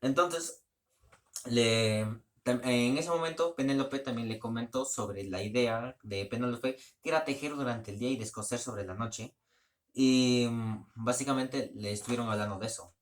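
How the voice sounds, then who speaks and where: Guy rambling through a story recap, casual and loose, restarts a lot, mid pitch. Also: normal speed. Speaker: book reviewer. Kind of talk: casual spoken plot summary.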